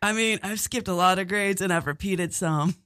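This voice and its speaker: A man playing a stoned, spacey male stoner artist who talks in deadpan, absurd non sequiturs. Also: sits high, moderate pace, clean tone, no room sound, clean studio sound. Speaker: comedic character "Reefer Man". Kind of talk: improvised comedy sketch.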